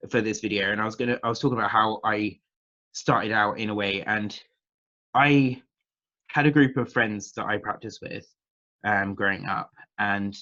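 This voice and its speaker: In dull audio, a man with a fairly low, slightly bright voice gives a casual interview. He practises witchcraft, is in his thirties, comes from near London, England, and has a southern English accent, meandering hesitantly as he talks.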